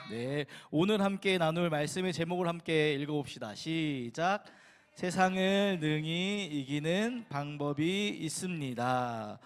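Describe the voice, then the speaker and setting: A man leading a playful children's sermon in a church, asking the children question after question. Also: on the high side. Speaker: children's pastor. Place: church sanctuary. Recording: long reverb in a church hall.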